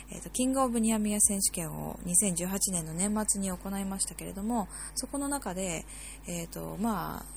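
A woman's voice: lowish voice, gravelly, slight background noise. A woman hosting a casual solo podcast, rambling with many fillers and self-corrections. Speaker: podcast host.

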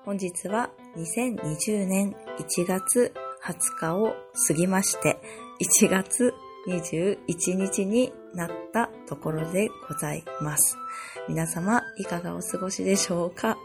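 A woman hosting a podcast, talking casually and amused at herself, her voice hoarse from overuse. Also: lowish voice, a little slow, music in the background. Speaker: podcast host. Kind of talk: casual solo podcast chat.

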